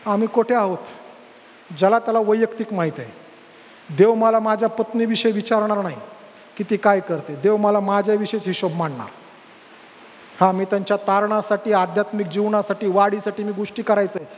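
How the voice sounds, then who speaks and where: High-voiced man preaching in a reverberant hall. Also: steady tone, brisk. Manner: fervent preaching that climbs to loud calls. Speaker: pastor. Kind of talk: sermon. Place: church hall.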